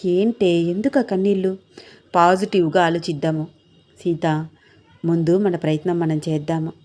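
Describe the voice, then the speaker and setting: A woman voicing a loving young husband who gently soothes his tearful wife, in a soft, coaxing tone. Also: fairly low pitch, fairly even intonation, normal speed, lightly acted. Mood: tender reassuring.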